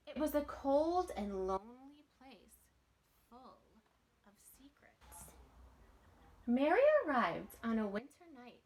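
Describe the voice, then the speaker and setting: A woman reads a children's storybook aloud, her fairly high voice rising and falling expressively. She goes slowly and deliberately, pausing between phrases like a teacher reading to young children.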